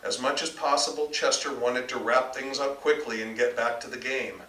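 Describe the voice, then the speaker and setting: At a bookstore reading event, a man reads his own scripted story to an audience in a dramatic, emphatic way. His mid-range voice is bright and forceful, with a steady tone and moderate pace. The distant mic picks up an echoey room and faint noise.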